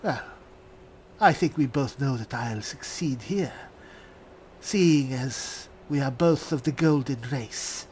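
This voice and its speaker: A man voicing an elderly male high elf spellsword in a game roleplay, speaking with genteel, self-assured courtesy. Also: takes it slowly, a little mellow, a little hiss or hum, natural voice, poor audio.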